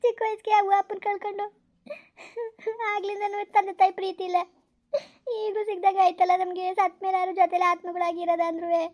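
A woman's voice: very high-pitched, flat delivery, a little slow, a little mellow. A woman voicing a grown daughter who sobs and pleads to her dead parents. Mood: weeping. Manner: sobbing, pleading. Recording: dull lo-fi recording.

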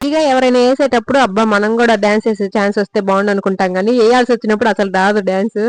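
A woman vlogger rattles along quickly in a casual voice-over. Her pitch barely moves, and she speaks straight to her viewers. The close mic sounds dry, with no room sound at all. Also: steady tone, clean tone, no echo, low-quality recording. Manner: chatty, addresses viewers directly.

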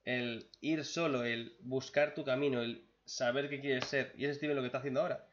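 Excitable swearing Spanish reaction youtuber man. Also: mid-range voice, fairly quick, highs cut off, slight background noise. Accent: Spain Spanish. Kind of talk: casual reaction commentary.

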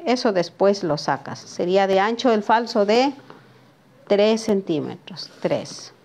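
A woman's voice: mid-range voice, lively intonation, unhurried, a little mellow. Chatty woman teaching pattern cutting. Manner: chatty, talks to viewers by name and asks "¿sí?" often. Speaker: sewing teacher. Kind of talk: live pattern-making lesson. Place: sewing workshop, at a cutting table.

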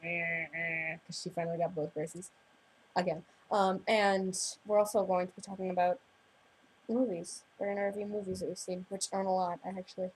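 A woman's voice: fairly low pitch, little pitch movement, normal speed, a little hiss or hum, low-quality recording. A teenage girl hosting a casual vlog, bubbly and giggly, rambling between topics. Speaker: vlog host. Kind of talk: casual chat.

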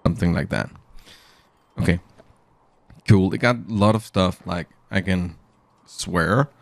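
A man's voice: low voice, measured pace, creaky. A man rambling chattily to his viewers during a casual live game stream, speaking into a studio mic through a mixer. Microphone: studio mic through an audio mixer.

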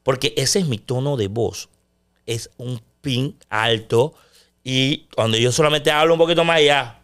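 A middle-aged man, a sports commentator talking loudly and intensely in a casual interview. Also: medium pitch, unhurried, smooth. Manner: loud, intense delivery.

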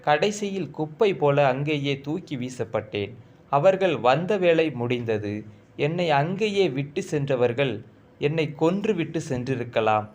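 A man's voice: fairly high pitch, animated, unhurried, a little mellow. Solemn male storyteller, lo-fi. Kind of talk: scripted first-person story narration.

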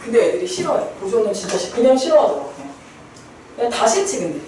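A woman's voice: fairly high pitch, very animated, fast, mellow. A woman teacher giving a chatty classroom lecture, often asking the class questions and answering them herself. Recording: very echoey classroom, distant mic, faint room noise.

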